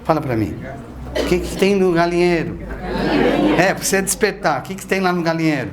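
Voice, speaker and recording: A man's voice: sits high, lively intonation, fairly quick, over a noisy crowd. A man giving a spiritual lecture, talking conversationally and asking the audience questions. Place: lecture hall of a spiritist association.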